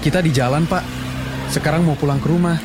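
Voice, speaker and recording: Man playing a timid chauffeur, hesitant and high-pitched. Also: steady tone, fairly quick, close to an everyday voice. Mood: nervous. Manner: hesitant, stammering, apologetic. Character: timid, loyal, deferential male chauffeur. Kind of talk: radio drama acting. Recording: clear car noise behind voice.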